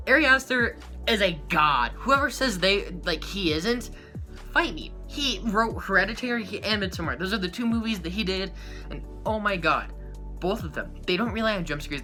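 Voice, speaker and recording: A man giving a rambling, excitable life update to his viewers as a small YouTuber, full of fillers and quick laughs. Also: high voice. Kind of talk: casual chat to camera.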